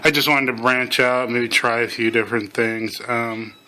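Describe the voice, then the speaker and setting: Middle-aged man, bright voice, numb half-mouth slur. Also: mid-range voice, fairly even intonation, normal speed, rough recording. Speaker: toy reviewer. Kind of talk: casual hands-on video review, unscripted.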